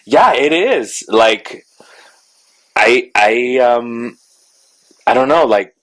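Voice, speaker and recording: A man's voice: medium pitch, animated, extremely slow, fairly bright tone, poor audio. A man co-hosting a casual lunchtime chat, playful and sassy, swearing freely. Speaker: podcast co-host; artist.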